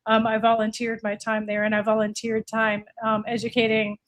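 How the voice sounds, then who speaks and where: Her voice sits a little high and stays monotone, moving at a normal speed. She's an American woman in her late forties, a reptile breeder from Virginia by way of Florida, chatting casually as a guest on a podcast.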